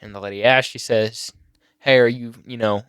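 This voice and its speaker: A teenage boy talking on his own channel, emotional and halting, near tears at times. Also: medium pitch, steady tone, fairly bright tone, clear, resonant tone, dry recording, clean studio sound. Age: teens. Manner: emotional, halting with many fillers and restarts. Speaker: YouTuber. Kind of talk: personal vlog talk.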